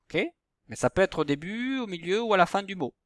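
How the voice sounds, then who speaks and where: A man teaching a recorded phonics lesson to young pupils, saying each example word slowly and patiently. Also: high voice, expressive, fairly bright tone, no echo.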